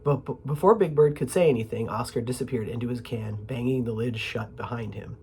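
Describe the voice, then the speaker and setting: A woman's voice: a bass voice, fairly quick, mellow. A woman with a cold, coughing now and then, reading a children's storybook aloud with playful, chatty asides as a storytime host. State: sick, coughing.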